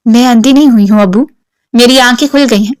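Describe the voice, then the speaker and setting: A proud, stubborn young woman who fires back sharp, defiant answers, read by a woman narrator. The voice is fairly high, smooth and clear, with a dry studio sound. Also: no room sound, natural voice.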